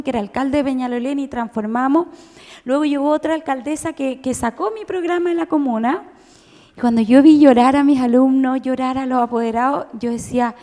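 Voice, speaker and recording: A Chilean woman in her thirties telling her own story at a conference, emotional and animated, with many restarts. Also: high-pitched. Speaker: conference speaker. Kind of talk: personal testimony talk. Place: church. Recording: long reverb of a church hall.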